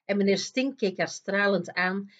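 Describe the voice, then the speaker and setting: Een vrouw die een kinderboek hardop en expressief voorleest. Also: female voice, medium pitch, measured pace, dull audio. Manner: expressive, lively storytelling. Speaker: storyteller reading aloud. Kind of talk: reading a children's book aloud.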